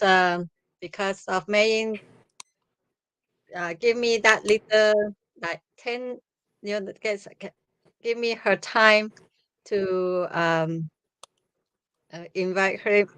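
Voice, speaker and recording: A woman, hosting a live stream from home over a video call, speaking haltingly with many restarts. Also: mid-range voice, fairly bright tone, smooth, dry recording. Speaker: host. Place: home room with bookshelves. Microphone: webcam on video call.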